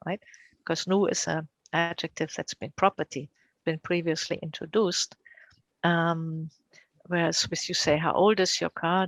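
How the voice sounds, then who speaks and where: A woman's voice: lowish voice, vocal fry, no room sound, rough recording. A woman answering audience questions on a video call, thoughtful, with many fillers and frequent "right?" tags. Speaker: invited speaker.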